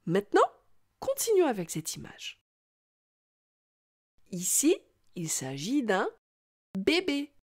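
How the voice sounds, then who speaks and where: A woman's voice: on the high side, huge pitch swings. A woman giving a scripted reading lesson for young children, patient and sounding out each syllable with exaggerated care. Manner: slow, patient, sing-song, exaggerated pronunciation. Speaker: teacher.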